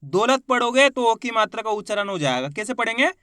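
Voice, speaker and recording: A man teaching children to read, spelling out syllables slowly and stressing each whole word loudly, with quicker, quieter explanations in between. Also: sits high, big pitch swings, clean tone, no echo, studio quality. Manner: drawn-out syllables, rising loud on each finished word. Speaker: Hindi reading teacher. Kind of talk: slow spelled-out phonics lesson.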